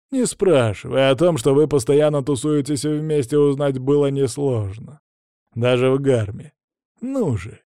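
A man's voice: medium pitch, mellow, dry recording, clean studio sound, natural voice. A man voicing a menacing young nobleman who taunts and threatens in an audiobook. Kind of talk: audiobook character voice.

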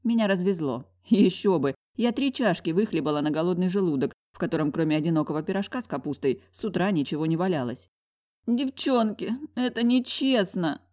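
Woman reading a first person story, wry and confiding, kinda lowish voice. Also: animated, fast talker, few pauses, warm tone. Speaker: narrator. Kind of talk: first-person audiobook narration.

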